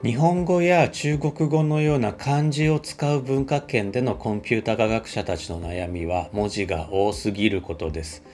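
A man, a computer scientist, giving an explanatory talk at a measured pace with frequent filler words. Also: fairly low pitch, a little mellow, faint music behind.

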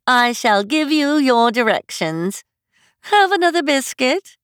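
An imperious storybook chess queen, pitched very high and swooping dramatically. She is bossy and brisk in temper, with emphatic, proper phrasing and formal courtesy. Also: very animated, fairly bright tone, smooth, no room sound, clean studio sound, heavily acted.

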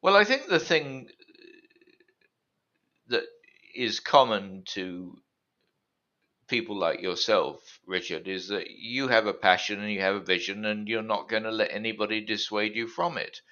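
A man with a lowish, bright voice speaking in a measured, conversational way. The recording sounds dull and lo-fi. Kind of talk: casual conversation.

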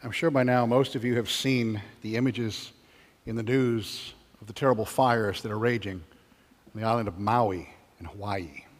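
A man serving as priest, reading the gospel and preaching in a measured, earnest way, with his voice ringing in a large church. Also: on the low side, fairly even intonation. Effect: cathedral echo. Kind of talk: gospel reading and homily at Mass. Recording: long cathedral reverb.

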